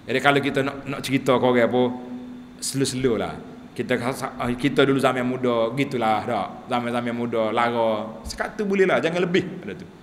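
A man's voice: medium pitch, fairly quick, in a large hall, slight background noise. A man giving a sermon lecture, telling humorous stories and acting out quotes. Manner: humorous storytelling, acts out quotes. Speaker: religious teacher.

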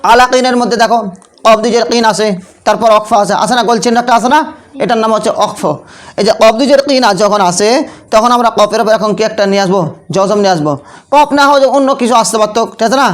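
A man's voice: high voice, fast. A man teaching Quran recitation rules in a classroom lesson. He keeps asking questions, answers them himself, and often checks in with short tag questions.

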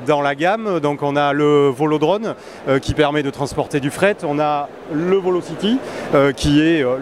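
A man in his forties, a sales manager answering interview questions in a measured, hesitant way with many filler sounds, recorded on a handheld mic. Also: fairly high pitch. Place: busy indoor trade-show hall. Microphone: handheld interviewer mic close up. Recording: clear crowd hall noise behind.

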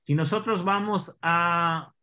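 A man teaching an online scripture class, explaining Hebrew words slowly and asking his students questions. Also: sits high, sharp tone.

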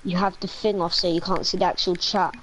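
A woman's voice: on the low side, flat delivery, brisk, background noise. A woman streamer chatting in game voice chat, rambling through her questions. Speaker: fellow streamer. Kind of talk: casual gaming chat.

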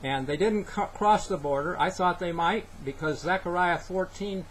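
An older man giving an earnest Bible teaching to a webcam in a small room, halting with fillers. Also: high-pitched, a bit bright, slight background noise, rough recording. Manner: earnest, halting, with many fillers and scripture citations. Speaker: preacher. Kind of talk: sermon-style Bible teaching. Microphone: webcam, head-and-shoulders framing.

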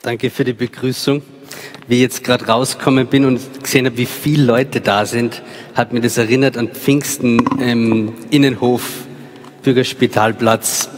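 A man's voice: medium pitch, steady tone, normal speed, slight background noise. Austrian guy in his 30s preaching a casual testimony, lots of ums, echoey church. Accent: Austrian, Salzburg. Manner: chatty, informal, many fillers. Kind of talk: personal testimony sermon. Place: large church, on stage before an audience. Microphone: handheld mic. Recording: long church reverb.

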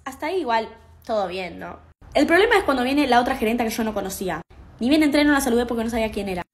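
A young woman with an Argentine accent telling a work story in a rapid, chatty, slangy way. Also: on the high side, expressive. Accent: Argentine Spanish. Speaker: TikTok storyteller. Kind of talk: casual storytime monologue.

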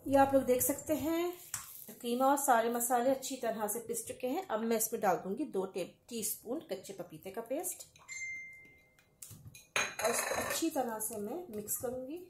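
A woman hosting a home cooking channel, calmly explaining each recipe step to viewers in a voice-over. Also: a little high, moderate pace, echoey room, noisy background. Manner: calm step-by-step explaining, addresses viewers directly. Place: home kitchen.

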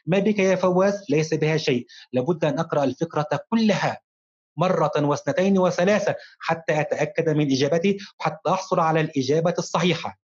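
Fast-talking man teaching a lesson, lo-fi. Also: on the high side, slightly rough. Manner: slow, careful dictation-style reading of examples; addresses pupils fondly and encouragingly. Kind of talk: recorded online lesson. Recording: dull, lo-fi recording.

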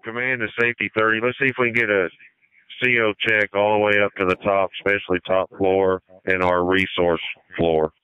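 A man's voice: fairly low pitch, flat delivery, brisk, smooth, no room sound. A man giving terse orders as a fire incident commander over a two-way radio. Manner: terse, directive. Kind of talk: firefighter radio dispatching. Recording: dull, band-limited fire radio channel.

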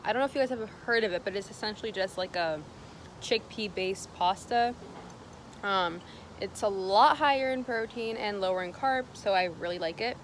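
A woman's voice: mid-range voice, normal speed, a little hiss or hum. Young woman, fitness vlog chatter, loose filler-heavy talk, dishes clinking in background. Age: young adult. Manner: chatty, rambling, lots of "like" and "um". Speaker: fitness vlogger. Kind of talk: casual vlog chat. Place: home kitchen.

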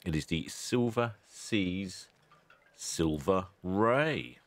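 A man, hosting a ship-spotting channel in a relaxed, chatty voice-over with dry asides. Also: sits low, drawn-out words. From England. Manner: chatty, dry asides, loud cheery greetings.

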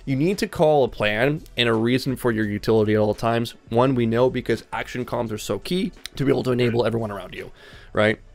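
A gaming coach runs a coaching session with a game review, giving a player direct instructions and repeating key points. His mid-range voice is fast and carries some vocal fry.

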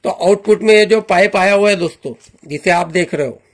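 Male host, high voice, casual how-to demo. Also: brisk. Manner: friendly instructional, repeats "जी हाँ दोस्तों". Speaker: channel host demonstrating a car washer.

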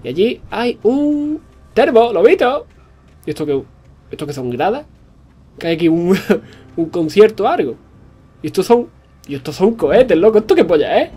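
A man commentating a video game, excitable, swearing and joking to his viewers. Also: sits high, normal speed, pauses often, breathy edge. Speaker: gaming commentator. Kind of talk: let's play commentary.

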